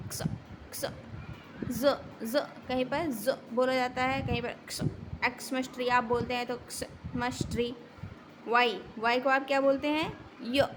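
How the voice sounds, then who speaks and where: A woman's voice: high voice, fairly bright tone, slight background noise, poor audio. A woman teaching children letter sounds, asking questions and repeating every sound in a patient classroom manner. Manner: slow, repeats each sound and asks questions. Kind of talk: phonics lesson for children.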